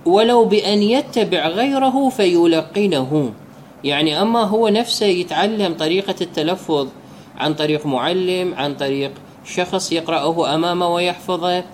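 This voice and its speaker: A man's voice: sits high, slight background noise. Iraqi man teaching religious law. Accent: Iraqi Arabic. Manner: explanatory, slows to recite formulas. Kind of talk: jurisprudence lesson.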